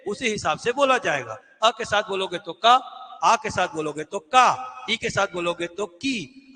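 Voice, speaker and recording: A man teaches an exam-prep class in a high, bright voice. He asks questions, answers them himself and repeats the key words. Long reverb from the echoey classroom trails behind him. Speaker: Hindi teacher.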